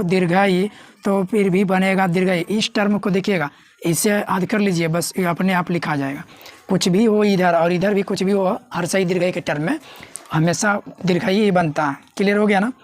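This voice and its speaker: Woman teaching grammar, asking and repeating. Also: on the low side. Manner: repeats key words and asks the class questions; slows to spell out words syllable by syllable. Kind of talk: grammar lesson at a board.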